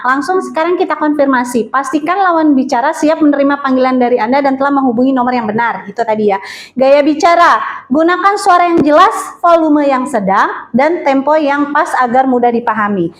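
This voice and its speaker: A high-voiced woman leads a classroom lesson on phone manners. She talks in a loose, chatty way, full of fillers, and keeps asking her students questions. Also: low-quality recording. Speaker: teacher.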